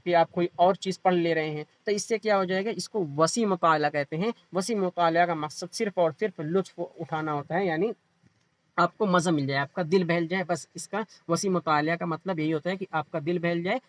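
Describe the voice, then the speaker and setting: A man's voice: high voice, no echo. A man teaching an exam-prep class, explaining by asking and answering his own questions, while feeling unwell. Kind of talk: online exam-prep lecture.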